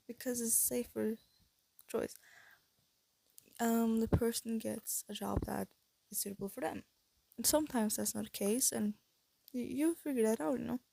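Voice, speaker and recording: Teen girl yapping into her phone, breathy and a bit stuffy, lots of ums and restarts, kinda husky-fry, dry sound. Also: fairly high pitch, warm tone, no echo. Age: teens. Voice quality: breathy, slight lisp from wearing retainers. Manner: hesitant, thinking aloud with many fillers and restarts. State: stuffy nose. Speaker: vlogger. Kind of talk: casual rambling vlog monologue. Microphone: phone held close.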